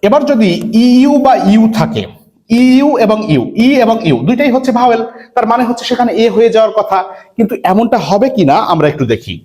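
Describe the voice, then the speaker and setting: A man from Bangladesh teaching an English admission-test lesson online, who asks his students questions, answers them himself and repeats words slowly. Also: extremely high pitch, very animated, mellow. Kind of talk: online lecture.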